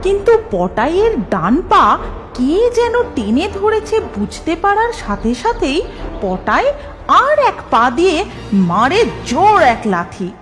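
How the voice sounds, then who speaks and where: High, lively woman storyteller over music. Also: measured pace. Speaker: narrator. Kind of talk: scripted story narration.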